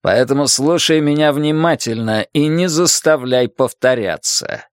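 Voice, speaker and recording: A man's voice: on the high side, unhurried, clean tone, no echo, clean studio sound, natural voice. A man voicing a domineering, scheming middle-aged male town boss in an audiobook. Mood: menacing. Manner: domineering and mocking.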